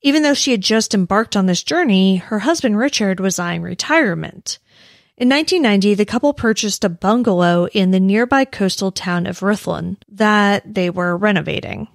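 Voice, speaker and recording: A woman with an American accent and a creaky voice, telling true crime stories conversationally as a podcast host. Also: medium pitch, moderate pace, dry recording, clean studio sound. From United States. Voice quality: creaky vocal fry. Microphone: close podcast microphone in a dry room.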